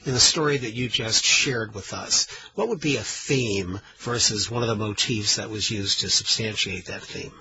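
A man with a bright, forward voice hosts a radio interview in an effusive, conversational way, often doubling words for emphasis. The sound is lo-fi, with faint noise behind him. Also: on the low side, moderate pace, hardly any pauses. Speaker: radio show host.

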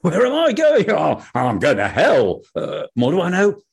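Boastful young man, flippant, husky, storybook telling, voiced by a male storyteller. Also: fairly high pitch, wildly swooping pitch, unhurried, pitched above the performer's own voice, exaggerated voice. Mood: cocky. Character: cocky young man bound for hell.

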